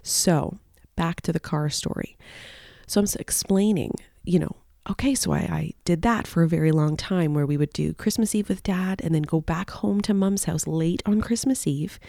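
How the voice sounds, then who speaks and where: A woman in her thirties speaks in a low, mellow, gravelly voice as she hosts a podcast alone. She rambles tenderly through her memories, stopping often and keeping herself from crying. The sound is dry and close, with no room around it. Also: normal speed, no echo. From Canada. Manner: nostalgic, tearful, rambling with many fillers. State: close to tears. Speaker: podcast host. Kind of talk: emotional personal monologue.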